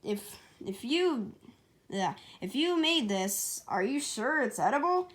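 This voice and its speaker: A woman's voice: on the high side, very animated, slow. A woman voicing a young male hedgehog in an amateur storybook read-aloud, easygoing, puzzled and kindly, in a casual way. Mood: confused.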